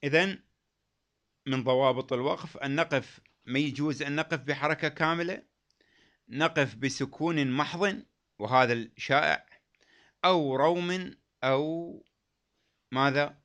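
In a dull lo-fi recording, a man with a slightly high, somewhat bright voice gives a lesson on recitation rules. He explains with patience, goes over key phrases again, and chants the verses he quotes at a slow pace.

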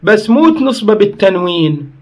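A man's voice: high-pitched, sing-song, brisk, a little mellow. A man teaching a grammar lesson, explaining step by step, asking and answering his own questions and correcting himself as he goes. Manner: corrects himself mid-sentence.

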